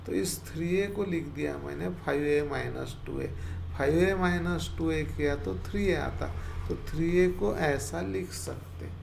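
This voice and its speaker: Slow, gravelly math teacher. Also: male voice, fairly high pitch, a little mellow, a little hiss or hum. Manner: patient, repeats each step, checks if students follow. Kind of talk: explaining a math lesson step by step.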